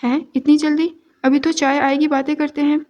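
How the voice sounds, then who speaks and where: A young husband who coaxes and placates in a patient way, as a woman narrator voices him. It is read in her own high voice, with no heavy acting. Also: little pitch movement, a little mellow, close to an everyday voice. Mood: coaxing. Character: young man, patient husband, gently teasing. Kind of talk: audio novel reading.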